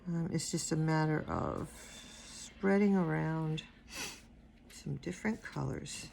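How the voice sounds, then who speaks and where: An older woman who teaches watercolor talks through a casual painting tutorial in a quiet, low and gravelly voice, unhurried and soft-spoken. Her speech rambles, trailing off into mumbles while she focuses. Slight background noise can be heard.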